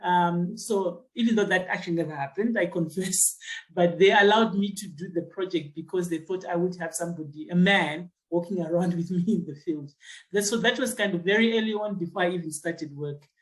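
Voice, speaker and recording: A woman's voice: on the low side, a little fast, rough recording. A middle-aged woman from Zimbabwe, a geoscientist answering interview questions in a thoughtful way, with many fillers and restarts. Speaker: geoscientist and associate professor.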